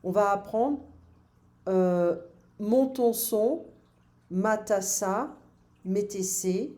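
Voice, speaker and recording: Teaching French grammar, a woman patiently drills each form one at a time and adds short English glosses. Her mid-range voice is warm and mellow, and she speaks slowly.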